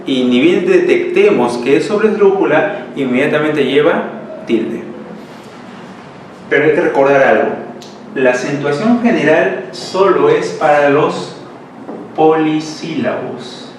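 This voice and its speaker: A man's voice: fairly high pitch, unhurried. A male language teacher giving a lesson, explaining rules step by step and checking in with his students. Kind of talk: classroom lesson at a board. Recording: echoey room, mic far off, faint hiss.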